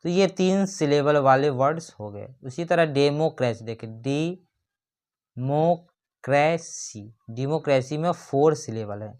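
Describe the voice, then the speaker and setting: A grammar teacher giving an explanatory lesson, reading definitions slowly and then explaining them with rhetorical questions. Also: mid-range voice, lively intonation, darkish tone.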